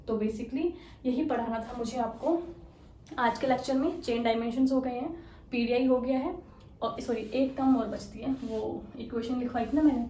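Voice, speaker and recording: A woman with a fairly high, mellow voice gives an exam-prep chemistry lecture, sounding echoey and a bit off-mic with faint hiss. She explains step by step, often asking rhetorical questions, saying "theek hai," and mixing in English technical terms.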